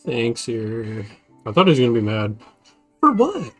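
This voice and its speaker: A man's voice: mid-range voice, wildly swooping pitch, a little slow, soft background music. A man playing a story game with friends on a stream, dropping dry, teasing quips and questions. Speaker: co-player on a stream. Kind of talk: casual banter.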